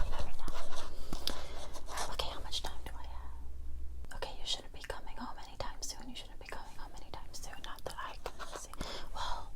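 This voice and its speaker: Whispered role-play, female performer as obsessed stalker: hushed, controlling, self-muttering, repetitive phrasing while secretly snooping. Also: natural voice.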